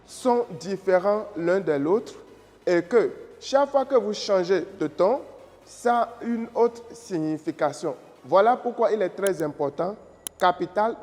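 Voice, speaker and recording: A man teaching a lesson, patiently explaining and repeating key points. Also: sits high. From Africa. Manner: patient, repeats key phrases, checks understanding. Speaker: Mandarin teacher and channel host. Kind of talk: slow explanatory lesson with tone demonstrations. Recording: reverberant room with faint music.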